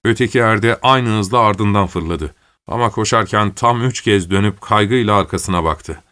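A man reading a war story aloud as narrator, steady and measured. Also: lowish voice, clear, resonant tone, no echo.

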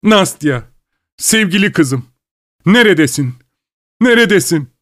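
A man voicing a desperate, furious old father who shouts and wails breathlessly in an audiobook. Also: medium pitch, fairly even intonation, moderate pace, breathy edge, no echo, clean studio sound, natural voice. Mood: frantic. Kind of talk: audiobook character voice.

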